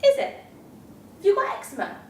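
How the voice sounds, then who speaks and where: A woman's voice: normal speed, a little hiss or hum, close to an everyday voice. A woman acting a squeamish, dramatic teenage girl, recorded from a distance in an echoey room. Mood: fussy. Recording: echoey room, far-off camera mic.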